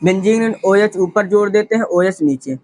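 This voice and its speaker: A man runs through a chemistry class in a high voice. He poses questions and answers them himself, repeating each term for his students. The sound is close and dry. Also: moderate pace, a little mellow, dry recording. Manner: repetitive, asks and answers his own questions. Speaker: chemistry teacher. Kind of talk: classroom lecture.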